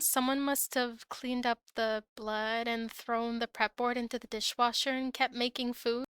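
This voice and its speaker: A woman's voice: on the high side, fairly bright tone, smooth, no room sound. A woman from Ontario with a Canadian accent, telling work stories in a casual, conversational, lightly exasperated way. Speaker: storyteller recounting past food service work. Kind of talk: casual storytime narration.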